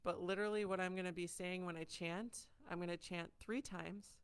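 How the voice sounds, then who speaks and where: Female community healer from Hawaii, low smooth voice, unhurried, handheld mic indoors. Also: fairly even intonation. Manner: gentle, unhurried, with frequent ums. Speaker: community healer teaching culture. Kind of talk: warm informal teaching talk. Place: indoors at a wellness center. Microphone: handheld microphone.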